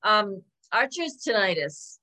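A woman's voice: mid-range voice, sing-song, pushed and bright. A woman co-hosting a podcast, running through a list in casual chat with fillers. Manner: quick list-reading with fillers. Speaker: podcast co-host.

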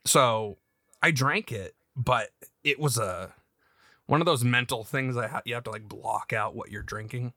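A young man co-hosting a casual podcast, his voice bright and pushing forward. He rambles through anecdotes, doubling back on his words and laughing as he goes. The sound is close and dry, with no room around it. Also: mid-range voice, unhurried, dry recording. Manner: rambling, laughing storyteller with many restarts. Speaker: podcast co-host. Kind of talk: casual chat.

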